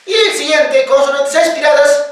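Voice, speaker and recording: A woman's voice: sits high, normal speed. A woman giving a spoken language lesson, drilling syllables one by one and asking the learner questions. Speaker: language teacher. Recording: very echoey room, far from the mic.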